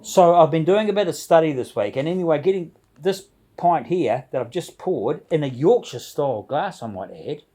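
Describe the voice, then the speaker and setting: A man's voice: fairly high pitch, animated, normal speed, dark tone. A man chatting casually and ramblingly to camera as a video blogger, with a jovial, informal, slangy way of talking.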